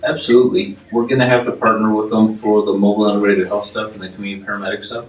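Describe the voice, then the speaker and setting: A man from the ambulance staff speaking in a measured, plain way at a meeting. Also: fairly low pitch, level tone, muffled recording. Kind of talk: meeting talk. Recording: echoey, distant mic.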